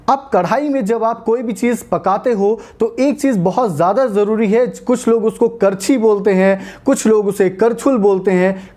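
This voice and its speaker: A woman with an Indian accent teaching a spoken English lesson, explaining patiently and slowing down to spell out words. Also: medium pitch, dark tone.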